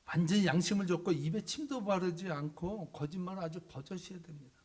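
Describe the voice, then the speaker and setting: A man's voice: high-pitched, brisk. A man preaching a sermon as pastor. He tells the story with drama, acts out the characters' lines, and puts questions to the congregation. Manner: animated storytelling, acting out biblical characters' lines.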